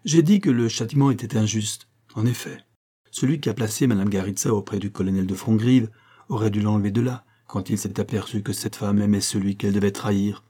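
A proud, indignant baron declaims his case in a dark, husky voice, read by a man for an audiobook. His lines come out as a formal, rising oration. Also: fairly low pitch, steady tone, brisk. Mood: indignant oratory. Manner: oratorical, declaiming. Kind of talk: audiobook reading.

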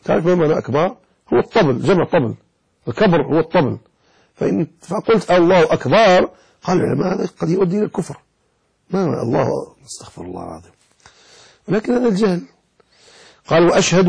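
A man's voice: fairly high pitch, very animated, fast, creaky, pauses often, a little mellow, husky, low-quality recording. A man, a sheikh teaching a religious lesson from a text. He scolds common mistakes and chants lines of the call to prayer to show right and wrong pronunciation. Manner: scolding, lecturing. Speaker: sheikh teaching Islamic jurisprudence.

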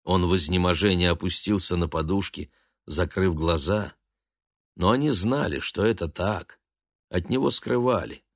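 A man's voice: sits low, normal speed, no room sound, clean studio sound. A man narrating a novel as an audiobook, reading expressively and dramatically.

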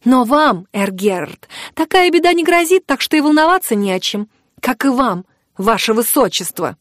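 Woman reading young noblewoman, high-pitched, emotional, bitter, defiant, dry close sound, audiobook. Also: animated, moderate pace, no echo, natural voice. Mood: sad, bitter. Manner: emotional, exclaiming.

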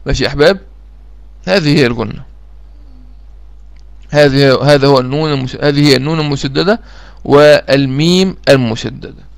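A man with an Egyptian accent gives an explanatory recitation lesson, drilling key phrases repeatedly and asking listeners whether they follow. His medium-pitched voice is fairly quick, with vocal fry and frequent pauses.

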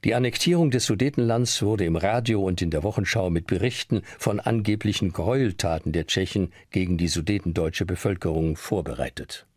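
A man's voice: low-pitched, brisk, hardly any pauses, a little mellow, slightly rough, no echo. A man reading scripted historical documentary narration.

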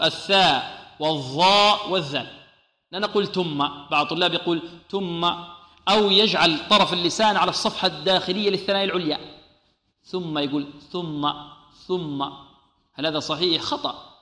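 A man teaching Quran recitation rules on a radio lesson. He asks questions and answers them himself, and slowly stretches out syllables to show how they are pronounced. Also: sits high, sharp tone. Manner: slowly draws out syllables to demonstrate pronunciation. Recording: echoey room with long reverb.

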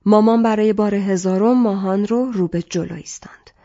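A woman narrating a literary novel as an audiobook in a calm, measured reading. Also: mid-range voice, highs cut off.

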